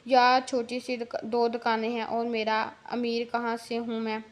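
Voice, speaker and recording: Lady reading as a clumsy young man in love, begging for help, monotone, highish voice. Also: measured pace, close to an everyday voice. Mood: complaining. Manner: pleading, complaining. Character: whiny lovesick young man, clumsy and pleading.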